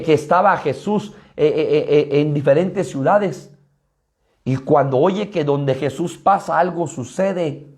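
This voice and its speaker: A man's voice: fairly high pitch, darkish tone. A male pastor with a Guatemalan accent preaching a sermon, emphatic and addressing the congregation directly. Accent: Guatemalan Spanish.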